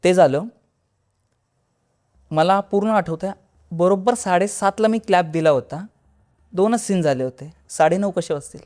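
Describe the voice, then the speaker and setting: Guy on a podcast telling his spooky story, voice a bit on the high side, chatty, stops and restarts, does the voices of people in it. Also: a little slow, long pauses, darkish tone. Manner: vivid, acts out dialogue; conversational, with restarts. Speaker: podcast guest. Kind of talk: first-person horror storytelling.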